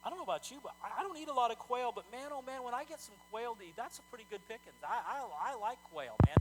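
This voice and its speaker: A male pastor preaching a sermon in a conversational, animated way, often repeating words as he talks. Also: extremely high pitch, quick pace, a little hiss or hum, rough recording.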